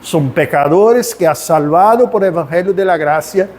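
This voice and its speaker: A man with a notably high voice leads a church Bible class. He teaches in a lively, animated way and keeps asking the room rhetorical questions. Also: moderate pace. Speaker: Sunday school teacher.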